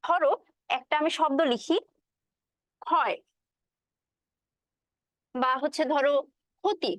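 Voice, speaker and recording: A woman's voice: sits high, a bit bright, no echo. A woman teaching a class, explaining a poem and its pronunciation, asking questions and answering them herself. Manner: recites verse slowly. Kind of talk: classroom lecture on poetry and pronunciation.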